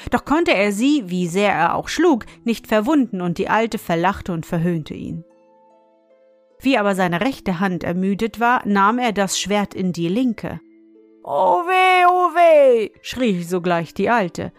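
A woman narrating a fairy tale in a calm, measured storytelling manner. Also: mid-range voice, soft background music.

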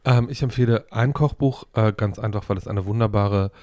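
A man in his fifties with a low, mellow voice chats on a podcast. He speaks in a relaxed way and pauses often with fillers. The sound is dry and close. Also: no echo. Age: 50s. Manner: relaxed, hesitant with many fillers. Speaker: podcast co-host. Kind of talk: casual chat.

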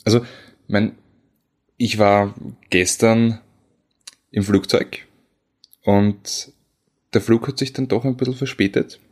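A man, a car journalist chatting as co-host, relaxed and a bit hesitant. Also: on the low side, takes it slowly, pauses often. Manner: relaxed, tired, hesitant with fillers. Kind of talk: casual chat.

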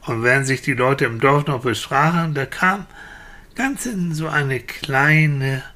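A woman hosting a children's show, telling a fairy tale in a lively way. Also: extremely low pitch, measured pace. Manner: lively storytelling, animated voices for villagers. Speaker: host and storyteller.

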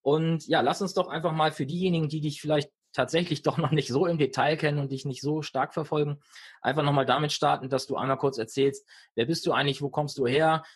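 Podcast host, man, husky and dry-sounding, relaxed questioning. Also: fairly high pitch, quick pace, no echo. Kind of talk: casual interview hosting.

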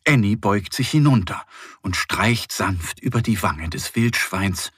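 A man narrating a children's audio story slowly and expressively, often softening his voice. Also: on the low side, husky, dry recording, clean studio sound. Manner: slow, very expressive, soft.

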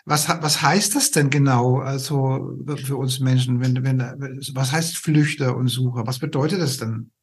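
A man's voice: mid-range voice, fairly even intonation, moderate pace, few pauses, slightly rough. A man hosting a podcast interview, introducing his guest and asking questions, with stammering repeats. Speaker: podcast host.

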